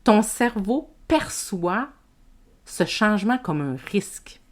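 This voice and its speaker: A woman with a Québécois French accent hosting a self-help podcast, speaking to the listener in a gentle, reflective way. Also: mid-range voice, lively intonation. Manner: slow, gentle, addresses the listener as tu. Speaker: podcast host and women's coach.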